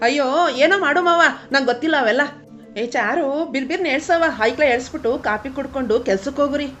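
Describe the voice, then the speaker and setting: A woman's voice: high voice, fast, fairly bright tone, muffled recording, faint music behind. An actress playing a poor village mother, scolding and tearful. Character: poor widowed village mother, harsh, overworked. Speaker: actor. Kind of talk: short film drama.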